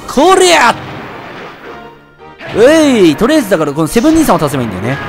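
A man giving excited commentary while playing a video game, yelping and shouting whenever he takes a hit. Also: sits high, fast talker, soft background music. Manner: excitable, yelps and shouts at hits. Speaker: let's play gamer.

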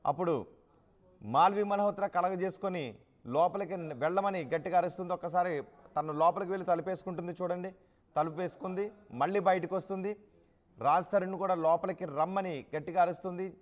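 A man narrating news footage as a voice-over, pointing viewers to the scenes shown and repeating names as he goes. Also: high voice.

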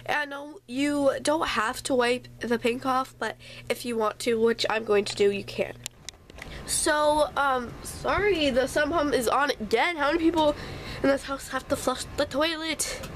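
A woman with a stuffy, congested nose talks casually through a craft tutorial at her home craft table, apologizing in asides as she works. Her voice is high and a little slow. A sump pump hums faintly in the background.

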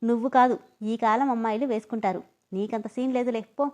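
A woman's voice: a little high, fairly even intonation, fairly quick, warm tone, lightly acted. A woman reading a story aloud, voicing a bossy young man who mocks and teases. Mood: mocking. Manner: mocking and domineering.

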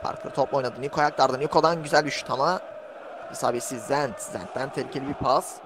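A man giving fast play-by-play commentary on an online football match, calling out names and rising to shouts at key moments. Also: medium pitch, crowd noise, noisy background. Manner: rapid calling of player names, bursts of shouting.

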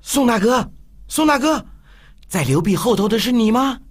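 A man voicing a mischievous, playful young man in an audiobook, talking in a teasing, lively way. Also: extremely high pitch, normal speed, breathy edge, voice pushed up, heavily acted. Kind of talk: audiobook character voice.

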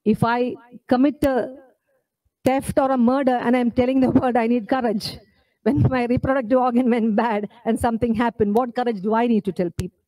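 An author from India, in her forties, delivers an emphatic, heartfelt speech from a podium on an indoor stage at the launch of her book, asking the crowd rhetorical questions. She speaks fairly quickly in a slightly high, steady, mellow voice; the audio is rough and has no room sound.

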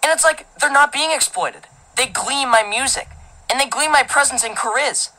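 Bright-voiced woman reading a casual teen monologue. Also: high-pitched, normal speed, low-quality recording. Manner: casual, filler-heavy, indignant teen tone. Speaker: audiobook reader. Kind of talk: audiobook narration of a teen boy's first-person story.

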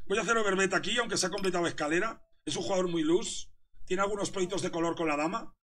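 A man's voice: high voice, fast, a bit bright. A young man, a poker coach commentating his hands live and teasing a viewer in chat.

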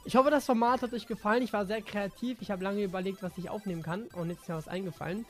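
A man's voice: high voice, fairly even intonation, quick pace, soft background music. A man talking casually as a gaming YouTuber, reading out messages in an offhand, slangy way.

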